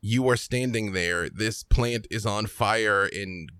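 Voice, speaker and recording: A man's voice: fairly low pitch, slow, bright, forceful tone, clear, resonant tone, dry recording. A man narrating a tabletop game as the game master, moving between story description and rules.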